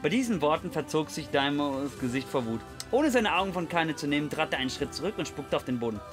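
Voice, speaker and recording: A man's voice: fairly high pitch, lively intonation, fast talker. Man, let's play narration, casual and salty, faint game music behind. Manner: casual, swears, stumbles over typos. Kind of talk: reading game text aloud with casual comments.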